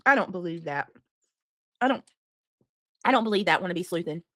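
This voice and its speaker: A woman's voice: fairly low pitch, animated, fairly quick, sharp tone, no echo. Chatty woman, dry close sound. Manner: chatty, teasing, chewing while talking. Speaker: livestream host. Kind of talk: casual livestream chat reading comments.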